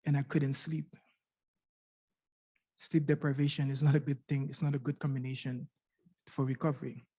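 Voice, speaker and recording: In a university conference room, a middle-aged man from Canada shares his patient story at a conference. His medium-pitched, warm voice holds fairly steady at a normal speed, and his earnest testimony features repeated words and rhetorical questions.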